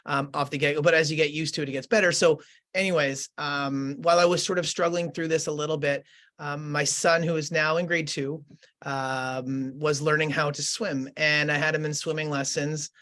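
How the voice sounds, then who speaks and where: A man, a school principal telling a story in conversation, earnest and halting, with many fillers and restarts. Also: on the high side, fairly even intonation, fairly bright tone.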